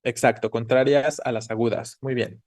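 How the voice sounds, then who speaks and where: A man's voice: mid-range voice, steady tone, moderate pace, darkish tone. A man teaching an online class, explaining patiently and checking in with the students often. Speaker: Spanish teacher.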